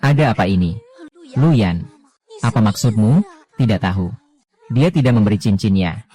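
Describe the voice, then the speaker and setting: Guy with a low mellow voice reading all the drama lines, same even tone for everyone. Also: normal speed, breathy edge. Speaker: voice-over reader of a drama. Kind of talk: dubbed drama dialogue read by one voice.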